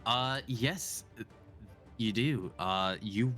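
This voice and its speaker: A man narrates a tabletop game as its dungeon master. His pace is slow and deliberate, with hesitant fillers, and his tone is bright and forward. Faint music plays underneath. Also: mid-range voice.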